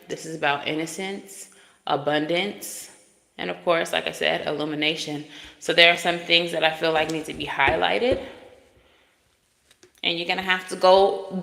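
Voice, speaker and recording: A tarot card reader gives viewers a casual, chatty reading, relaxed and full of fillers. Her voice is low-ish and gravelly, passed through a digital echo effect on her mic that adds long reverb.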